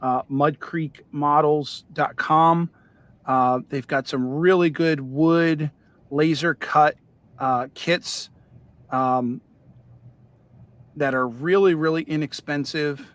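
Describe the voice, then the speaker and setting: A man hosting a casual livestream about model railroading, talking in a relaxed, rambling way with plenty of fillers while he paints. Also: fairly high pitch, slow, no room sound. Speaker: model railroad hobbyist host.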